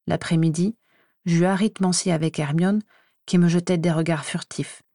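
A woman reading a first-person story aloud in an even, measured way. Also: fairly low pitch, dry recording, studio quality. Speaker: audiobook reader.

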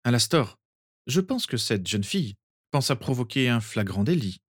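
A man's voice: medium pitch, sing-song, normal speed, no echo, clean studio sound. A man reading a story aloud, voicing a thoughtful middle-aged father who explains things obligingly. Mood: explaining. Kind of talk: audiobook character reading.

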